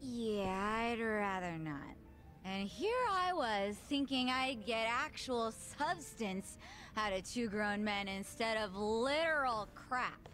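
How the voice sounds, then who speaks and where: A playful drunk woman from a video game. She drags out her slurred words and her pitch swings widely, with faint music behind her. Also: animated, a bit bright. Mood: teasing, unimpressed. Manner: drunk, slurred, drawn-out speech. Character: tipsy adult woman, playful and teasing. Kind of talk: English video game voice acting.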